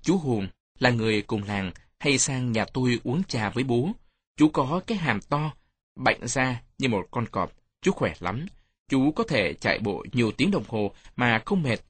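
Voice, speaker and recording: Man reading a story, lively, slightly husky. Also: mid-range voice, a little slow, no room sound. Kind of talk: storybook narration.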